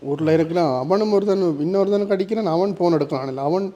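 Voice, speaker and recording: A man's voice: high-pitched, fast, dull audio. A man with a Jaffna Tamil accent, complaining and whining in a comic sketch. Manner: whiny, complaining loudly. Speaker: comedian in a sketch.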